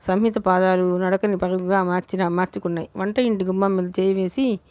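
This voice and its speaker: Reading a novel aloud as an audiobook narrator, a woman keeps a steady, measured storytelling pace. Her pitch is medium and the recording has no echo.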